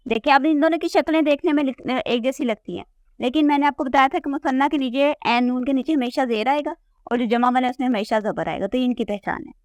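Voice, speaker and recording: A woman's voice: high-pitched, fast, a little mellow, no room sound. A woman teaching Arabic grammar, patiently repeating word forms and checking in with her students. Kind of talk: classroom lesson explaining a chart.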